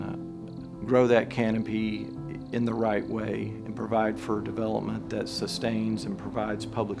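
A man, a city official, speaking in a measured, steady way in a documentary interview. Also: fairly low pitch, creaky. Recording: music bed underneath.

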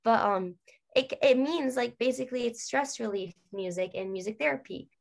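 A woman's voice: fairly high pitch, normal speed, vocal fry. A young woman, a guest singer, talking earnestly and chattily on a video call, drifting off on tangents. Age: young adult. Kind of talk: casual video-call interview. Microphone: laptop webcam on video call.

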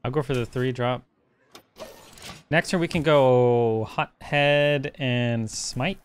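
A man's voice: medium pitch, fairly even intonation, slow, a little hiss or hum. A man streaming a card game, chatting casually and thinking through his moves aloud with plenty of fillers. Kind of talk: casual gameplay commentary.

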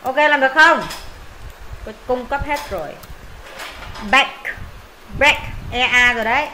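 On a low-quality recording with a little hiss or hum, a woman with a high, bright, forceful voice teaches English pronunciation in Vietnamese at an unhurried pace. She models words, repeats them for her students, and thinks aloud when unsure.

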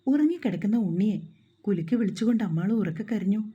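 Brief: woman storyteller, dark husky voice, dull muffled recording. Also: medium pitch, lively intonation, quick pace. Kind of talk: scripted story narration.

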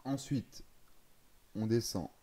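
Guy walking through game options, kinda hesitant, stops to correct himself, warm mellow voice. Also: medium pitch, slow. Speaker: gaming video creator. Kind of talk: casual explanation of game settings.

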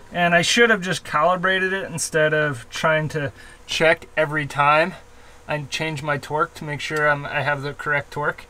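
A man with a notably high voice explains each step of a boat engine rebuild in a relaxed, chatty way, poking fun at himself now and then. He is working below deck in a cramped engine bay, close to the camera, with a faint background hum. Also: low-quality recording. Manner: chatty, explanatory, self-deprecating. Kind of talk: casual how-to narration.

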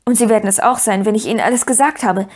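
Reading an audiobook, a woman voices an eager, earnest young boy who speaks in urgent, breathless bursts. Her medium-pitched delivery is very fast and lightly acted.

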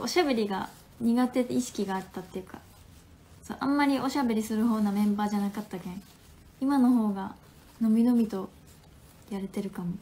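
A woman in her twenties with a Hakata accent, chatting casually on a phone livestream at home, playful and quick to laugh. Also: mid-range voice, mellow, slight background noise. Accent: Hakata dialect. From Fukuoka, Japan. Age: 20s. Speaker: livestream host. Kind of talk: casual livestream chat reading viewer comments.

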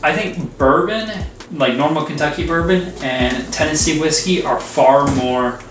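A man's voice: on the high side, measured pace, slight background noise. A man in his twenties chatting casually and emphatically in slangy bro talk as he co-hosts a review. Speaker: whiskey reviewer, co-host. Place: small room with home bar, indoors. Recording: roomy echo, slightly distant mic.

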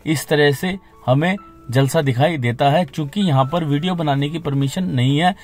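A man's voice: a little high, normal speed, a little mellow, soft background music. A man giving a scripted, informative tour-guide voice-over for a travel vlog. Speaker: travel vlogger.

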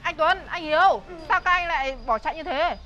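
A woman's voice: sits high, brisk, sharp tone, lo-fi sound. An actress playing a cutesy, manipulative young woman who whines in baby talk. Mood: coy whiny. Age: young adult. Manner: baby-talk pleading, whiny then haughty. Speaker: actress in comedy sketch.

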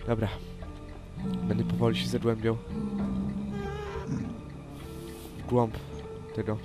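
Guy doing a jumpy hermit adventurer in minecraft, mumbling to himself, loud game music behind him. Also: mid-range voice, natural voice. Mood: nervous. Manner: nervous, talks to himself while exploring. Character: young male hermit adventurer, anxious but loyal. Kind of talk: Minecraft role-play narration.

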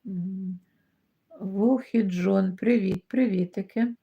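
A woman's voice: mid-range voice, steady tone, slow, husky, lo-fi sound. A middle-aged woman hosting a live stream, reading out viewer comments and greeting each viewer by name in a casual chat. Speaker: livestream host reading chat.

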